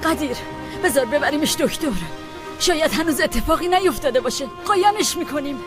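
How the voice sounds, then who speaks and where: A woman's voice: high voice, animated, over music. A stern worried mother. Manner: stern, hushed scolding. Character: worried middle-aged mother, stern and anxious.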